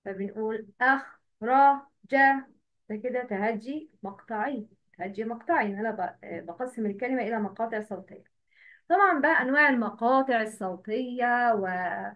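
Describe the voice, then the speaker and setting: A woman with an Egyptian Arabic accent teaching a livestream lesson, explaining step by step and repeating terms slowly. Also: a little high, lo-fi sound.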